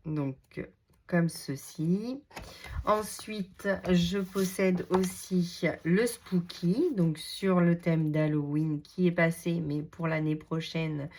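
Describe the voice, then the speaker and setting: A woman's voice: on the low side, darkish tone. A woman hosting a craft channel, leafing through her collection in a casual, hesitant way with many fillers and enthusiastic repeats. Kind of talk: casual product show-and-tell.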